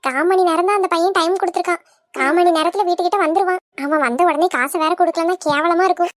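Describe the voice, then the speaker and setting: A woman doing a crafty young wife in a cartoon, wheedling and pleading in a very high, sugary voice. She talks. The sound is close and dry, with no room. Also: fast talker, no room sound. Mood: worried. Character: cunning young wife, sweet-talking schemer. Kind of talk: cartoon voice acting.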